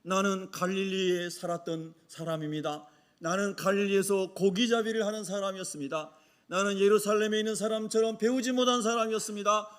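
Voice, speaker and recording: A pastor voicing the apostle John, confessing. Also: male voice, high voice, fairly even intonation, a little fast, fairly bright tone, clear, resonant tone, pitched below the performer's own voice. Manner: earnest first-person confession, subdued. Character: humble hot-tempered male Galilean fisherman apostle, confessing.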